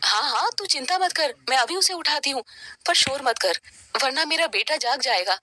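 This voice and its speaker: A woman voicing an older mother-in-law who speaks in a weary, warm-hearted way, in a noisy cartoon recording. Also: high-pitched, lively intonation, normal speed, no room sound. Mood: urgent. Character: older mother-in-law, kind and worn, loyal.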